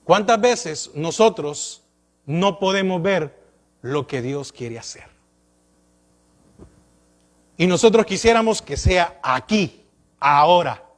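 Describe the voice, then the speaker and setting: A male pastor preaching a sermon, asking the congregation question after question with rising and falling emphasis. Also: high voice.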